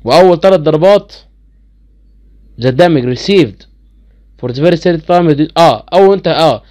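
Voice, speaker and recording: A man's voice: on the high side, darkish tone. A man with an Egyptian accent chatting casually to viewers as he explains game skills, easily incredulous. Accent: Egyptian Arabic. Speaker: gaming channel host.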